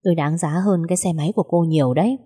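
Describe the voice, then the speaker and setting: A woman's voice: fairly low pitch, very fast, slightly rough, in a large hall. A woman doing a teasing young suitor. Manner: teasing, steady and unbothered. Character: young man, calm, teasing, persistent suitor.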